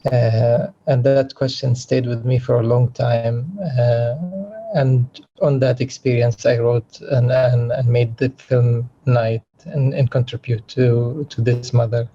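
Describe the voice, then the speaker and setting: A writer and director speaking slowly and hesitantly in a festival Q&A, with many fillers. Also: male voice, mid-range voice, flat delivery, warm tone, lo-fi sound, slight background noise.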